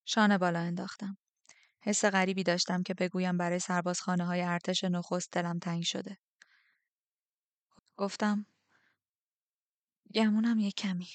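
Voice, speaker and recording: Low-pitched woman narrator, steady subdued reading; dry, close. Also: long pauses, no room sound. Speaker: audiobook narrator. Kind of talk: scripted first-person narration.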